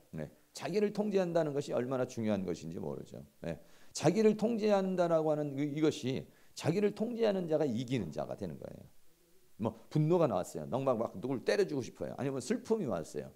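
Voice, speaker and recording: A middle-aged man giving a seminary lecture in a conversational, animated way, acting out everyday quarrels. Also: medium pitch, vocal fry.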